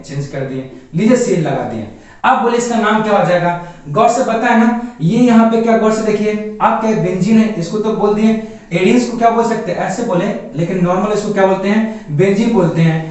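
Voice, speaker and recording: A man's voice: high-pitched, fairly quick, darkish tone. A man teaching a chemistry lesson at a board. He keeps asking the class questions and then answers them himself, and calls the students "babu". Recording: echoey room, voice from far off.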